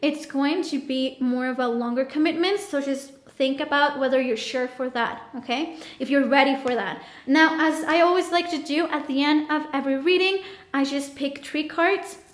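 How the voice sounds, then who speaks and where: A woman with a high-sitting voice gives a casual tarot reading, chatting loosely and addressing the viewer directly at a normal speed. Her voice feels off and a bit strained, and the sound is roomy.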